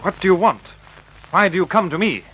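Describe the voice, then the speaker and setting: An actor playing a nervous, evasive doctor who runs an asylum, flustered and defensive in vintage radio drama style. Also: male voice, high-pitched, expressive, brisk, pushed and bright, slightly rough, exaggerated voice, rough recording. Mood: startled, nervous.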